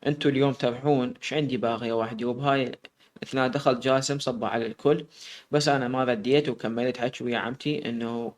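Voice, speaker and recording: A man's voice: mid-range voice, fairly even intonation, very fast. A man narrating a first-person story.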